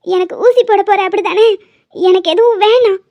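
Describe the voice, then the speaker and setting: A woman's voice: very high-pitched, moderate pace. A woman voicing a terrified young female patient in a cartoon drama, pleading and childlike. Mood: scared childlike. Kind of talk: cartoon voice acting. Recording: dull lo-fi sound.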